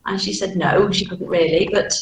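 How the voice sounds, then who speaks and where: A woman in her fifties speaks in an echoey room, answering questions informally. Her Manchester accent is softened, but the flat vowels and hard g endings remain. Her delivery is careful and explanatory, at a medium pitch. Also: normal speed, vocal fry, slight background noise. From Manchester, England. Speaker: English teacher.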